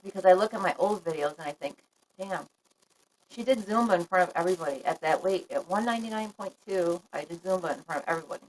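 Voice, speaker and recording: A woman's voice: lowish voice, quick pace, poor audio. A woman live-streaming a casual chat to her viewers, talking frankly and laughing often. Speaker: livestream vlogger.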